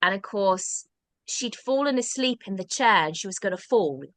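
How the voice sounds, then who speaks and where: A woman's voice: mid-range voice, animated, moderate pace, a bit bright, no echo. A British woman, a podcast guest, telling a personal story in a rambling, casual way with many restarts. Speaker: guest, drama workshop founder.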